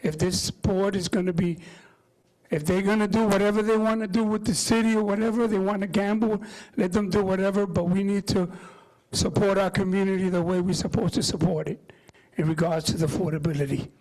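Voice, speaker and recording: A man giving an impassioned public comment at a community meeting, halting now and then. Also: high-pitched, fairly even intonation, a little mellow, poor audio. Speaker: community member speaking at public hearing.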